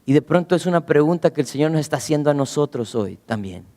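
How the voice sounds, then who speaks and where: A man preaching a sermon as pastor, earnestly asking rhetorical questions and slowing down, going low for emphasis. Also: expressive, dark tone, big-room sound. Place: church.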